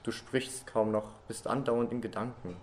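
A man reading a story aloud, voicing the comforting ghost of a lost loved one who softly urges the listener not to give up. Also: mid-range voice, normal speed, natural voice. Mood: urging.

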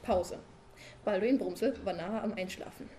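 A woman reading a humorous story aloud as narrator, calm and even. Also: medium pitch, normal speed.

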